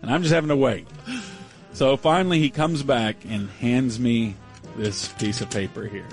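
A man's voice: medium pitch, moderate pace, soft background music. A man who hosts a sports radio talk show, telling a long story in casual chat, acting out the other people and laughing often.

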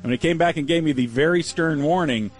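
A man's voice: a little high, quick pace, soft background music. A man who hosts a sports radio talk show, telling a long story in casual chat, acting out the other people and laughing often.

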